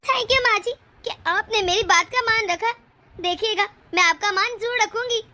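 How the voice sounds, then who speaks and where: A woman's voice: very high voice, normal speed, bright, forceful tone. A woman voicing a scheming young daughter-in-law in a cartoon, speaking in a sweet but demanding way. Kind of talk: cartoon voice acting.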